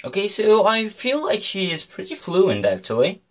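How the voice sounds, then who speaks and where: A man's voice: high-pitched, wildly swooping pitch, normal speed, a bit bright. A young man from Denmark, casually reviewing a phone feature and chatting playfully to his viewers. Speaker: tech YouTuber.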